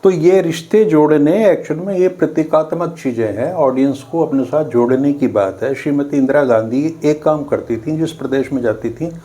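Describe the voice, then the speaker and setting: A middle-aged man from Uttar Pradesh, a guest in a political discussion, speaking in a measured, dryly ironic way and often clearing his throat. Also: a little high, warm tone. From Uttar Pradesh, India. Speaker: guest commentator.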